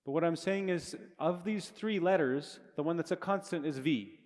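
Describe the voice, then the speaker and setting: Speaking into a handheld mic at a moderate pace, a middle-aged man delivers a live physics lecture in a large hall, his voice a little high with a darkish tone. He explains informally, correcting himself as he goes, and the hall's long reverb lingers.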